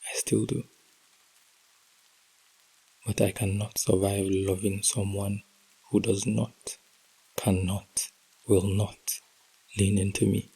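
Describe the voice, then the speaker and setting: A man hosting a podcast, reading a heartbroken letter aloud in a slow, emotional, intimate delivery that drops to whispers at times. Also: on the low side, little pitch movement, creaky, dark tone, husky, rough recording. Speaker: podcast host.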